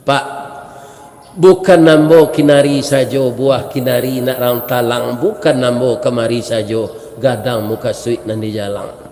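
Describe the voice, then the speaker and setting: A man voicing a humble young male traveler who begs forgiveness, speaking softly and pleadingly with a Minangkabau accent. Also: mid-range voice, steady tone, a little slow, voice pushed down, lightly acted. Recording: echoey hall, faint noise.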